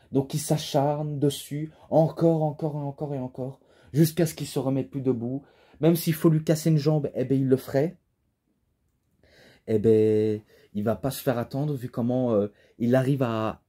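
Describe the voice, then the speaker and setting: Speaking in a mid-range voice that is mellow with a touch of huskiness, a young man loosely reviews a wrestling DVD. He wanders, restarts his sentences and uses plenty of fillers.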